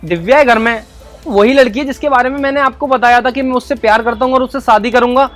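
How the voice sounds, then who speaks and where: A man playing a firm, fast-talking young son. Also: very high-pitched, fairly bright tone, faint music behind. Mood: worried. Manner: earnest, firm, lecturing.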